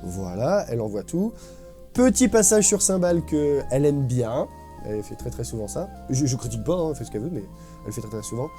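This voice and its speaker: A man's voice: medium pitch, very animated, a little fast. A man teaching a casual drum lesson, enthusiastic and slangy, imitating drum fills with spoken syllables. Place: drum studio. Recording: drum music playing behind the voice.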